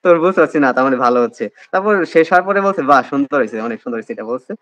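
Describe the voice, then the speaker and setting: A man's voice: medium pitch, expressive, rapid-fire, a bit bright, dry recording. A young man telling the story of his admission test in a casual interview, with a Bangladeshi Bengali accent and many hesitant fillers. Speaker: admission candidate, guest.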